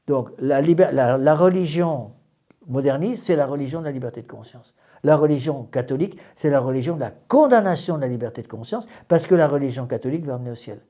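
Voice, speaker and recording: A man's voice: mid-range voice, fast talker, dark tone. A man, a priest, giving a doctrinal class to a small group in an emphatic way, often repeating words and restarting phrases.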